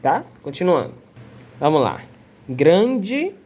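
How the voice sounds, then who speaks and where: A woman's voice: low-pitched, very animated, slow, muffled recording, slight background noise. A Portuguese-speaking woman teaching an online Arabic lesson, patiently repeating words and checking in with her students. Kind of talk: relaxed online language lesson.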